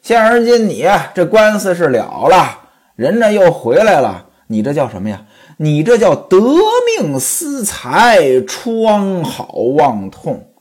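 A storyteller voicing a sharp-tongued young wife who scolds her husband at length in a raised, indignant voice. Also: medium pitch, big pitch swings, slow, husky, heavily acted. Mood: scolding. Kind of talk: traditional storytelling voice.

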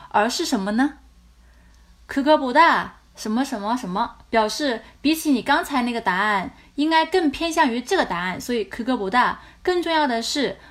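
Fast-talking woman teacher, bright and quick. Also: on the high side. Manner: patient, animated explanations, mixing two languages. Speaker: language teacher. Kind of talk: explaining a drama scene line by line.

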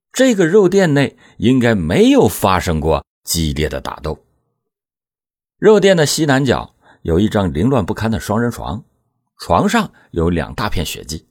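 A man hosting and narrating a scripted true crime program in a measured, suspenseful storytelling manner. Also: lowish voice, no room sound, clean studio sound.

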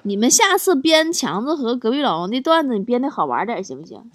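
A woman's voice: fairly high pitch, very animated, fairly quick. A woman hosting a chatty show, playfully reading out listener jokes and teasing her audience. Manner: playful, teasing, laughs between stories. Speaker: radio-style host reading listener messages. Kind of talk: casual chat, reading jokes aloud. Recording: noisy recording.

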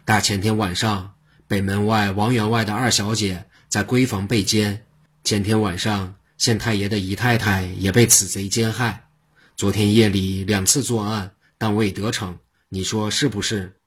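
A storyteller voicing an eccentric, mischievous wandering monk with a teasing, boastful manner. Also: male voice, on the low side, fairly even intonation, moderate pace, slightly rough.

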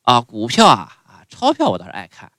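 Lively stand-up comedian. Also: male voice, medium pitch, fairly quick, no echo. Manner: chatty, filler-heavy storytelling with frequent "哎" and asides to the audience.

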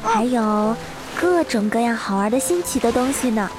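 A woman's voice: on the high side, lively intonation, normal speed, natural voice. A woman voicing a protective older sister girl who soothes her sibling, stammers when unsure and often turns tearful, over background music. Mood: storytelling softly. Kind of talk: amateur audio drama.

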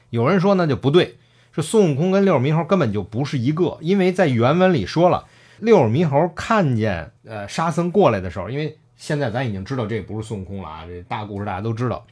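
A man's voice: medium pitch, darkish tone. A man casually retelling a classic story, acting out the characters' lines and laughing often.

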